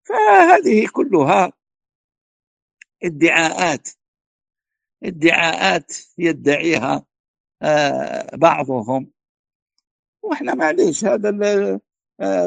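In a dry recording, a man with a high-set, gravelly voice replies to a question as a religious scholar. He is emphatic and declaiming, repeatedly asking rhetorical questions, occasionally stumbling on words and rising to forceful statements.

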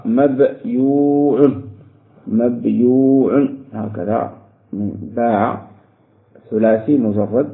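In an echoey room heard over what sounds like a phone line, a man with a lowish voice teaches a class grammar. He explains every step, repeats words slowly, and quizzes his students as he goes.

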